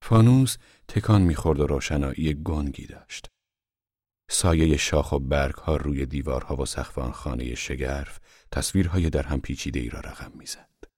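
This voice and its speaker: Deep husky guy reading an audiobook, calm and steady, dry close sound. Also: no room sound. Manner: calm, measured storytelling. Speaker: audiobook narrator. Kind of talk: scripted audiobook narration.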